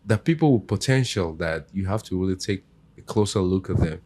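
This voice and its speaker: Male podcast host from Africa, low husky voice, very lively pitch, chatty and animated. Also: fairly quick. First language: local African language. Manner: animated, laughs often, acts out quoted voices. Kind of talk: casual podcast chat.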